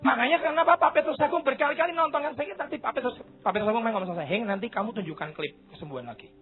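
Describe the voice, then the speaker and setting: A man preaching a sermon, telling stories animatedly, acting out the dialogue and shouting at the high points. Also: very fast. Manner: animated storytelling, acts out dialogue, shouts at climaxes. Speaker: pastor. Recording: tinny phone-like sound with faint music.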